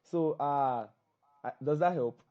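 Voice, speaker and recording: A man answering questions in an online copywriting class, talking fast and repeating phrases, over a video call. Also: on the high side, dark tone, dull audio. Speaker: guest copywriting teacher.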